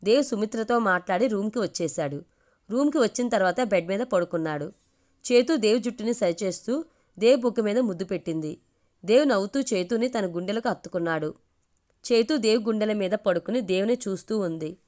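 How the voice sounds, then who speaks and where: A woman reads a family story aloud as a storyteller. Her narration is steady and even, at an ordinary middle pitch.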